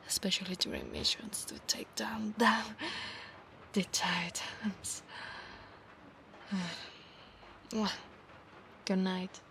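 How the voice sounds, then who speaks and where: An Italian woman with an Italian accent plays an affectionate, possessive centaur knight in a soft ASMR roleplay, often slipping into breathy whispers. Her medium-pitched voice sounds tender and sleepy, with slight background noise.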